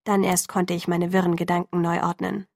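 A woman narrating a first-person story as an audiobook, with a steady storytelling delivery. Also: fairly low pitch, a little fast, no room sound, clean studio sound.

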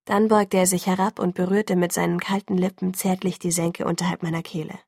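A woman reading a novel aloud in the first person, in a soft, intimate audiobook narration. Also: lowish voice, level tone, brisk, gravelly, slightly rough, dry recording, clean studio sound.

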